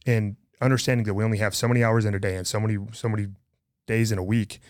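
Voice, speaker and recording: A man's voice: fairly low pitch, steady tone, fast, dry recording, studio quality. A man speaking earnestly and emphatically in a casual podcast conversation. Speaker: podcast co-host.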